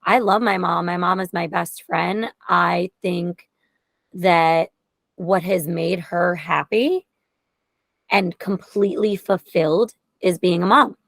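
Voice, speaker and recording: A woman's voice: on the low side, slow pace, gravelly, fairly bright tone, no room sound. A woman hosting a podcast, talking openly and emphatically in a heartfelt conversation. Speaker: podcast host.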